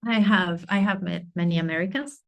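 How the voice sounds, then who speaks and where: A woman from Argentina speaks as a podcast guest, her voice sitting on the lower side. She talks reflectively and unhurriedly, pausing often while she searches for the right words. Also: gravelly. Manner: thoughtful, searching for words with many pauses. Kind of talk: reflective conversation.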